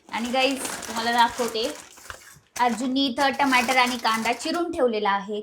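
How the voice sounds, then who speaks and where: High-voiced bossy young woman vlogger. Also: a bit bright, slight background noise. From Maharashtra. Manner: bossy, teasing, often repeats words. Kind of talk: casual couple challenge vlog.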